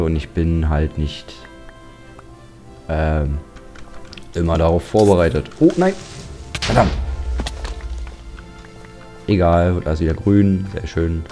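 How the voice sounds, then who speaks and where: This Let's Play commentator has a low, warm voice and an unhurried delivery with frequent pauses. He jokes and chats casually through a building game, complaining about monsters along the way, with game music in the background.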